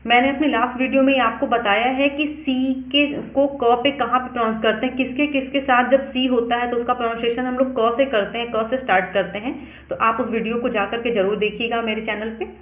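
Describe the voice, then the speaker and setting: A woman teacher walks through pronunciation rules at a measured pace, stopping to spell each word out letter by letter. Her voice sits a little high. The room around her gives it a noticeable echo. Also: fairly even intonation, fairly bright tone. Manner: slow, deliberate, spells words out letter by letter. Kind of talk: explanatory lesson.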